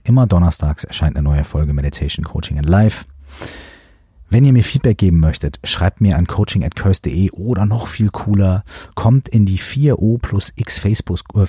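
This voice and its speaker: A man hosting a coaching podcast, talking in a gentle, musing way with many fillers. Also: sits low, moderate pace, slightly rough, dry recording, studio quality. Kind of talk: reflective podcast monologue.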